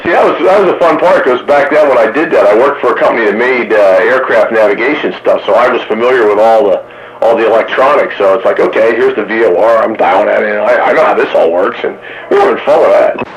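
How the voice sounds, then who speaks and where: With a voice on the low side and a quick pace, a man chatting on an amateur radio round table trades casual talk and joking anecdotes. The two-way radio transmission reaches a receiver muffled and staticky, with some faint noise.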